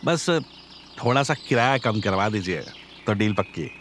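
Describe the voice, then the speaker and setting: A man's voice: fairly low pitch, normal speed, fairly bright tone, a little hiss or hum. A man voicing an eager, fawning property broker in a horror audio drama. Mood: salesy. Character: pushy smooth-talking male property broker.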